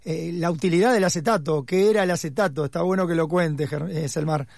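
A man's voice: a little high, brisk, vocal fry, darkish tone, no room sound, clean studio sound. A man hosting an interview, asking questions and nodding along. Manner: engaged, asks questions and agrees briefly. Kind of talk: casual interview conversation.

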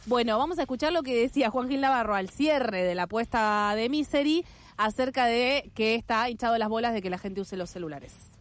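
A woman's voice: a little high, no echo. Chatty Argentine woman radio host. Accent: Argentine Spanish. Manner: chatty, irreverent, quick asides. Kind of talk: casual radio chat.

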